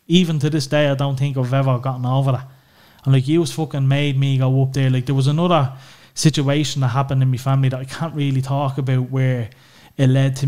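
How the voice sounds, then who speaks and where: Warm in tone and mid-range in pitch, an Irish podcast guest speaks frankly and emotionally about his family. The conversation is candid and personal, with casual swearing and a steady stream of "you know" fillers.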